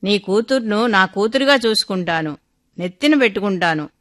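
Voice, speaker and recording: An older man, a devoted old friend, earnest and full of feeling, speaking with a bright, forceful edge as a woman storyteller voices him. His lines are pleading and affectionate, set in a radio story reading. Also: mid-range voice, expressive, moderate pace, close to an everyday voice. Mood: joyful.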